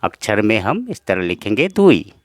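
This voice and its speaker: A man teaching a language lesson, explaining slowly and patiently, repeating each point and addressing the viewers as friends. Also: lowish voice, big pitch swings, no echo, clean studio sound.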